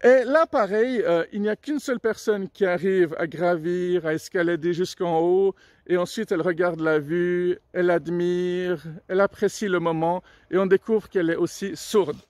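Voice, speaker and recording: A man's voice: high voice, normal speed, darkish tone, no room sound. A man casually telling jokes and little stories, chatty and digressive, with plenty of filler sounds. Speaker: storyteller. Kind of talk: casual joke and story telling.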